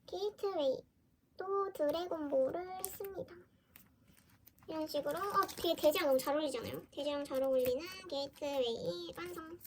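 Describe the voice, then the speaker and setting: A woman with a high, light voice talks casually through an unboxing at her desk at home. She gushes and lets out small soft exclamations as she shows each item. A faint hiss sits under the recording. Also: normal speed. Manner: gushing, often exclaiming softly. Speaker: fan vlogger.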